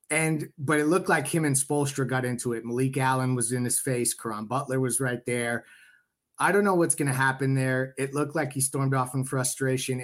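Man, mid-pitched, sports-podcast host, rambly questions, lots of ums. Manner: rambling questions with many fillers. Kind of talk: casual sports podcast chat.

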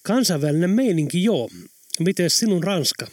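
A cheerful young woman, her voice lifted and lilting, as a male narrator puts her on. She sounds playful and lively. The recording is close and dry, like a studio audiobook. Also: high-pitched, no room sound, voice pushed up. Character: young adult woman, a spy's girlfriend, cheerful.

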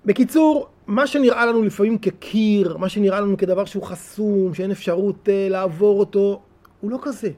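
Middle-aged male rabbi, very high voice, animated sermon delivery with pleading peaks. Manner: animated, rising to pleading cries then dropping to soft asides. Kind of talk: weekly Torah talk.

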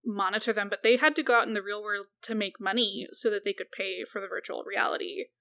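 A woman's voice: mid-range voice, fast, bright, forceful tone. A woman co-hosting a casual podcast chat about a film, chatty and swearing freely, with lots of "like". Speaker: podcast co-host.

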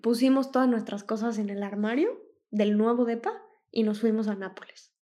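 Young woman, podcast co-host, lively storyteller, slightly high voice. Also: normal speed. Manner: animated storytelling, quotes others, laughs often. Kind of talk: casual chat.

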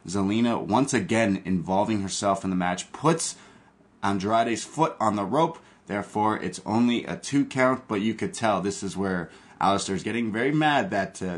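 A man hosting a casual wrestling recap, retelling matches move by move as an enthusiastic fan commentator. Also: lowish voice. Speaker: podcast host recapping wrestling.

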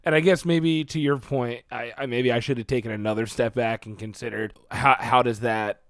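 A man's voice: mid-range voice, steady tone, moderate pace, no room sound, clean studio sound. A man co-hosting a podcast in casual chat, laid-back and self-deprecating, often restarting his words. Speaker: podcast co-host.

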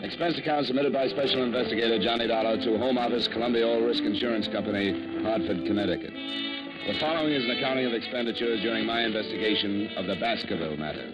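A man's voice: medium pitch, fast, close to an everyday voice. An actor playing a dry, wisecracking insurance investigator who narrates his own case, in an old radio drama. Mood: narrating. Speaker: narrator and lead. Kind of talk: 1950s radio drama acting. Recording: dull old radio broadcast with music.

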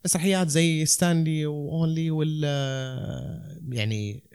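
A man's voice: a little high, moderate pace, a little mellow, smooth. A man with a Saudi accent explaining things casually and conversationally, rambling and dropping in English terms. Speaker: stand-up comedian, guest.

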